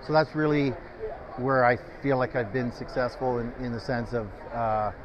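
Halting salesman, slightly dull recording. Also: mid-range voice, a crowd in the background. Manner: halting, many fillers, measured. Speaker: sales guest. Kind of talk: casual trade-show interview. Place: open-sided tent at an outdoor expo. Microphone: lapel mic. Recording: slightly dull, noisy outdoor expo.

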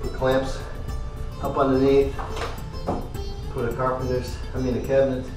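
A man's voice: medium pitch, completely flat delivery, music in the background. Man talking from far off in an echoey garage. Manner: halting, lots of ums and uhs. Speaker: woodworking vlogger. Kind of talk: casual workshop narration. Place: large cluttered home garage workshop. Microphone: far camera.

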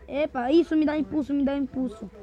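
A man with a Brazilian accent giving excitable, jumpy let's-play commentary to viewers. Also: very high voice, fast. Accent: Brazilian Portuguese. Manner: excitable, jumpy, talks to viewers while playing. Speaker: gamer. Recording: dull lo-fi recording.

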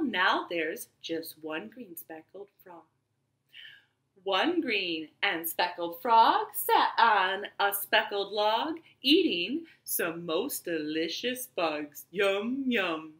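In a living room, a children's library storyteller leads a storytime with rhymes and a read-aloud story. Her medium-pitched voice is bright, lively and slow, with an animated, sing-song delivery aimed at young children. The home webcam recording sounds roomy.

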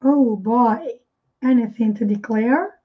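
A woman with a Brazilian accent and a high, bright voice explains pronunciation in a video lesson. She repeats English phrases slowly and carefully for her students. The recording sounds slightly dull and lo-fi. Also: breathy edge. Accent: Brazilian Portuguese. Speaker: English teacher.

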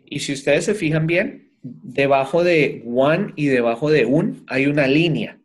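A man's voice: a little high, measured pace. A man co-hosting a citizenship lesson, explaining advice and reading out questions. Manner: explanatory, gives practical advice. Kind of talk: bilingual lesson.

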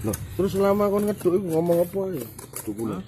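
A man jokes around on a film set, his pitch bouncing all over. The sound is rough, with steady background noise all through. He talks in a loose, animated way. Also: fast, heavy reverb. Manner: joking, animated. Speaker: comedy actor. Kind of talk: casual banter on a film set.

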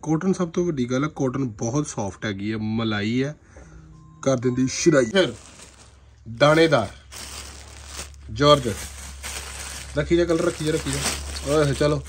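Male shop seller, mid-pitched voice, dramatic exclamatory patter, informal, noisy phone recording. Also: lively intonation. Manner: dramatic, effusive, full of drawn-out exclamations. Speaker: shop seller presenting suit fabrics. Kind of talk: informal live-style sales patter. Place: indoor fabric shop with tiled floor.

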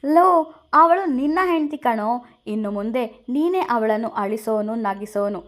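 A woman's voice: on the high side, animated, moderate pace, close to an everyday voice. A woman voicing a young man who brushes off his friend's worries with offhand advice. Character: young man, teasing, bossy best friend.

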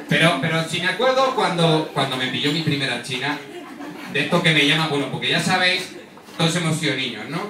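List: male stand-up comic, higher-pitched voice, joking, tag questions, roomy distant sound. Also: heavy background noise. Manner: chatty, teasing the crowd with tag questions. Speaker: stand-up comedian. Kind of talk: stand-up comedy monologue. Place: comedy stage with a live audience. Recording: roomy, distant mic, audience laughter.

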